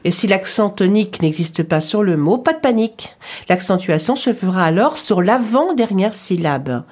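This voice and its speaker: Breathy woman co-teaching a lesson. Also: medium pitch, animated, moderate pace, darkish tone. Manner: confirms and gives example words one by one. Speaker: co-host of a language lesson. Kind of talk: scripted lesson dialogue.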